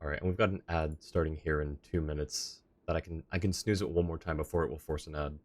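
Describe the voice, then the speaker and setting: A young man with a bass voice talks at a quick pace in a steady tone. He's livestreaming a game and chatting casually with viewers through a close streaming microphone.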